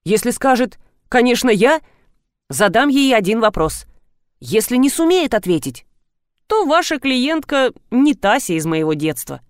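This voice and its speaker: A woman reading an audiobook, voicing a cheerful, warm-hearted grown man in an upbeat tone. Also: on the high side, big pitch swings, measured pace, no echo, clean studio sound.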